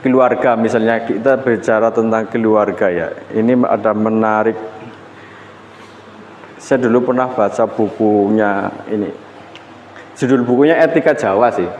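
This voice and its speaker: A man's voice: lowish voice, moderate pace, a little mellow, muffled recording. Lecturing man in an echoey classroom. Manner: casual conversational lecturing with fillers and self-corrections. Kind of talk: university lecture. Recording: echoey classroom, faint room noise.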